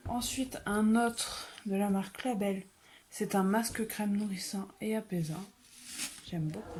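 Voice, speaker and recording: Soft-spoken woman with a mellow voice. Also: mid-range voice, slight background noise. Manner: soft-spoken, often dropping into a whisper. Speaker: beauty vlogger. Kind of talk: casual haul vlog. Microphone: phone.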